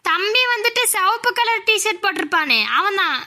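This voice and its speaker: A woman's voice: very high-pitched, expressive, a little fast, bright, forceful tone, pitched below the performer's own voice, heavily acted. A woman doing an offhand cartoon shopkeeper. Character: easygoing young shopkeeper man. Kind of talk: cartoon voice acting.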